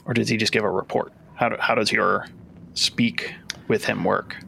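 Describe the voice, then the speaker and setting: Male game master, gravelly, hesitant delivery, full of restarts. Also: fairly low pitch, steady tone, moderate pace, bright, forceful tone, slight background noise. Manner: hesitant, many fillers and restarts. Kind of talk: narrating a tabletop game.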